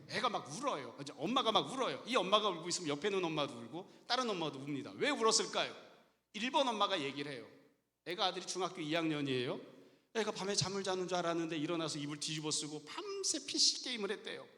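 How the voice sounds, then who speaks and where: A man's voice: a little high, big pitch swings, quick pace, sharp tone. A middle-aged man preaching a sermon as pastor, stressing points and asking rhetorical questions. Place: church sanctuary. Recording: reverberant church hall.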